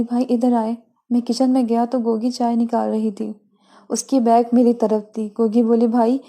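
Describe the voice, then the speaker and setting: A woman narrating a first-person story at an even, unhurried pace and reading out the dialogue. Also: on the high side.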